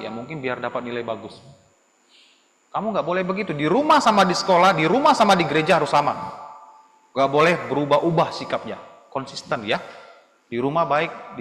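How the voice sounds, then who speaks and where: Guy teaching sunday school kids, high-ish voice, acts out kid voices, big roomy church hall sound. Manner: animated, acts out children's voices. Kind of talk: children's sermon. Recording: echoey hall with long reverb.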